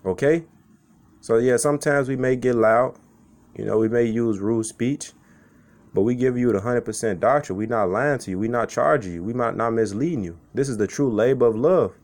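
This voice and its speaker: With a medium-pitched, somewhat dark voice, a street preacher from Chicago reads from scripture and talks it through in a relaxed, conversational sermon. He frequently caps his sentences with "man" or "okay."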